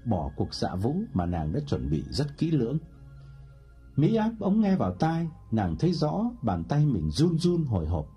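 A man narrating a short story audiobook in an expressive storytelling manner. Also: medium pitch, husky, lo-fi sound.

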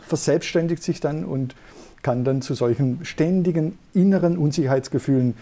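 A man's voice: a little high, normal speed, dark tone. A middle-aged man, a neurologist, patiently explaining in an interview. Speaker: neurologist guest.

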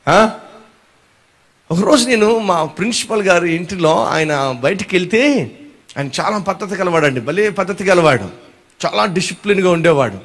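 A male pastor preaching a sermon, animated and firing questions at his congregation. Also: high voice, moderate pace.

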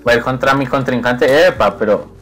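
This young man speaks with a voice of ordinary middle pitch. He talks quickly and playfully over his gameplay, taunting his opponent and breaking into laughs. Soft music plays faintly underneath. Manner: playful, teasing the opponent, frequent laughter and exclamations. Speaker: gaming video creator. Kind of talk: excited gameplay commentary.

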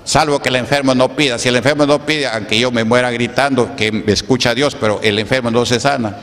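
A man preaches a Pentecostal sermon at a mid-range pitch. He keeps throwing rhetorical questions at his congregation. His voice rings with the long echo of a church hall. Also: fairly even intonation, brisk, a bit bright. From Peru. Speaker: pastor.

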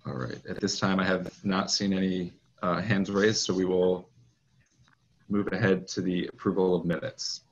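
A man serving as school board president, chairing a formal meeting over a video call in a procedural, measured way with frequent fillers. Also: sits low, level tone, slight background noise. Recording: muffled video call audio.

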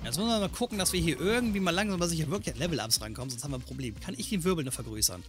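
A man talks over his gameplay in a let's play, his voice sitting a little high and bouncing all over the place. He jokes along and scolds the game's enemies. Faint music plays underneath. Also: lively intonation, racing. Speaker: gaming channel host.

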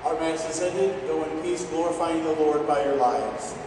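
A man's voice: fairly high pitch, moderate pace. A man giving the closing dismissal at Mass in a solemn, raised voice, with a cathedral echo around it. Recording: echoey church, distant mic.

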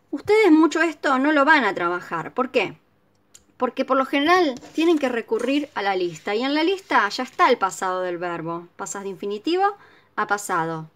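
A woman's voice: on the high side, fairly bright tone. A woman explaining an English lesson patiently, often checking in with her students. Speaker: English teacher. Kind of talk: recorded video lesson.

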